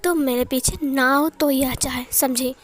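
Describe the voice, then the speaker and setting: A woman's voice: high-pitched, fairly even intonation, moderate pace, close to an everyday voice. A woman voicing a jealous, sulky young male master who talks in curt, snappish lines in a storybook retelling.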